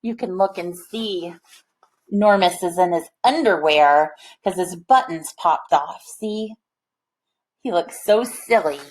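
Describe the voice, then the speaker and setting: Reading a children's picture book aloud, a woman with a fairly low voice goes slowly and expressively, adding chatty asides for her young listeners. The audio quality is poor.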